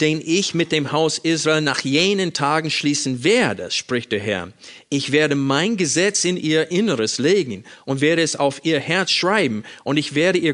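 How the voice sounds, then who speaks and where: A man's voice: mid-range voice, a bit bright. A man giving a Bible-teaching sermon, reading verses aloud and explaining them, addressing his listeners with direct questions. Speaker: preacher.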